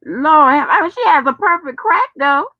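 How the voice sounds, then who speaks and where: An American host with a high, expressive voice talks at normal speed, no echo, in dull lo-fi sound. She rambles casually and profanely to viewers and over the phone, drawing out her exclamations and using folksy terms of address.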